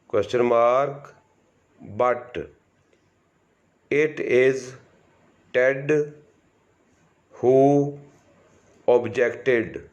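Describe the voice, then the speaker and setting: Very slow man giving school dictation. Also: medium pitch. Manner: reads punctuation marks aloud, measured and deliberate. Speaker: shorthand trainer giving dictation. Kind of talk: slow school dictation, word by word with long pauses.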